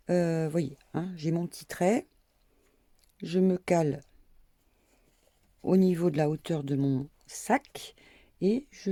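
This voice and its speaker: Middle-aged woman hosting a home sewing tutorial, husky and gravelly, talking while she works. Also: low voice, dark tone, dry recording. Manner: chatty, self-mocking, talks while working with many "hop" and "voilà".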